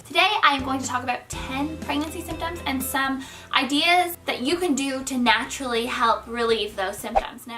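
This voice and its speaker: A woman's voice: high-pitched, bright, forceful tone, far from the mic. A young woman hosting her own vlog, giving casual, chatty advice and often correcting herself mid-sentence. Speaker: vlog host.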